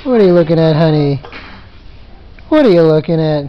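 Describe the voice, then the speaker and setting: A woman's voice: low-pitched, expressive, moderate pace. A young woman filming her newborn at home, cooing sing-song questions at the baby. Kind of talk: home video baby talk. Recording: dull home-video sound with faint hiss.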